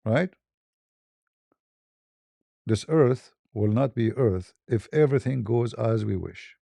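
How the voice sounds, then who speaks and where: A man with a mid-range, gravelly voice and a dark tone speaks slowly but with lively intonation, with no echo. He's an online religious debater answering questions in a casual monologue. His non-native English is plain, and he often repeats and restarts his words.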